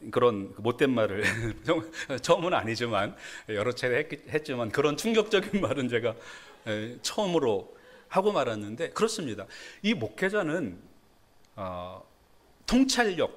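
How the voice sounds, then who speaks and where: A middle-aged man preaching a Sunday sermon as a pastor in a church. He talks conversationally, laughs at himself now and then, and rises into sudden emphasis. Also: a little high. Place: church sanctuary.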